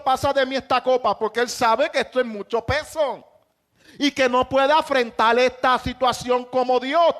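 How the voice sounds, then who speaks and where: A male pastor with a strikingly high-pitched voice gives an impassioned sermon. He shouts to drive his points home, then settles back into plain, conversational preaching.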